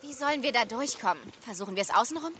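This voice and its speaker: A woman's voice: fairly high pitch, expressive, racing, pushed and bright, husky, exaggerated voice. A woman playing a cautious, practical survivor in a zombie-wasteland video game. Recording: game noise over the voice. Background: game ambience.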